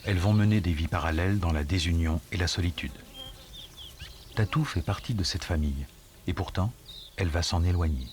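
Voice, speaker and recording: A man reading scripted nature documentary narration in a measured, explanatory storytelling manner. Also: low-pitched, background noise. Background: music under the voice.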